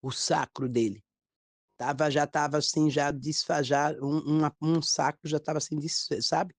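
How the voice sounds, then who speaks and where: A woman pastor with a Brazilian accent, telling a testimony in a sermon, with lively storytelling and acted quotes. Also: deep voice, unhurried, dry recording. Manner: storytelling, animated quoted dialogue.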